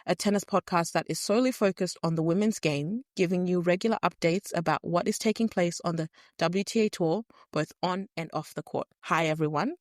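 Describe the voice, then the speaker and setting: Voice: medium pitch, brisk, hardly any pauses, no room sound, clean studio sound. Nasal-sounding podcast host with a cold. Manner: earnest, opinionated, chatty. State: stuffy nose, sniffling. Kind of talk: solo podcast commentary.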